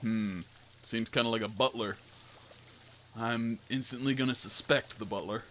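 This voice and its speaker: Brief: male let's-play commentator, mid pitch, rambling and self-mocking. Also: steady tone, moderate pace, a bit bright, slight background noise. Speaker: gamer playing a detective game.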